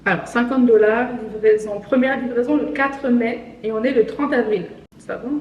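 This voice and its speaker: A woman's voice: on the high side, moderate pace, reverberant, far from the mic, lo-fi sound, slight background noise. A young woman from France with a slight lisp, chatting casually and mocking herself in a vlog. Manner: chatty, self-mocking, mixes in English words. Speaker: vlogger.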